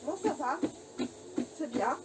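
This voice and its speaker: Woman, high pitch, breathless casual workout vlog, distant mic in a noisy room. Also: animated, slow. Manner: chatty, filmed mid-exercise, filler-heavy. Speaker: fitness vlogger. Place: home.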